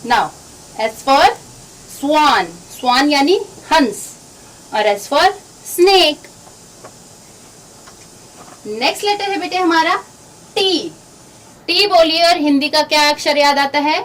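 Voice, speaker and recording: A woman teacher giving a phonics lesson to children, explaining each letter sound slowly and patiently. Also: high voice, lively intonation, fairly bright tone. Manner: slow, drawn-out, patient explaining to kids. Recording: distant mic, faint background noise.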